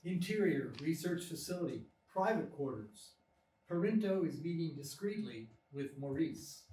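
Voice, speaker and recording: A man with a higher, warm voice and lively intonation reads screenplay narration at normal speed. It's a live table read on a small theatre stage, captured in a distant, echoey recording with noise.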